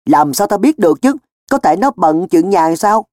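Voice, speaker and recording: A man voicing a sly, defensive teenage boy who talks loud and high, always protesting. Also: expressive, moderate pace, no room sound, clean studio sound. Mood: cheeky.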